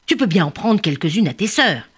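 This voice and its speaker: A woman voicing a big bullying female ostrich who talks in a high, sneering, whining way. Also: very animated, brisk, a bit bright, slightly rough, exaggerated voice.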